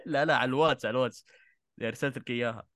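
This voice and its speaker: A man with a Gulf Arabic accent chats about films as a host. He talks quickly but haltingly, circling back to filler phrases, in a dry, close sound. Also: medium pitch, a bit bright, no echo. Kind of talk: casual film discussion.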